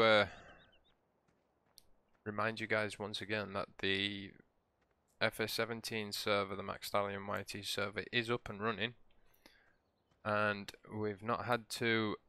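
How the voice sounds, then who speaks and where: Taking it slowly with long pauses, this gameplay channel host rambles along casually over a video game in a low, hoarse, croaky voice that still carries a bright, forceful edge. He sounds relaxed and chatty, and there's no echo.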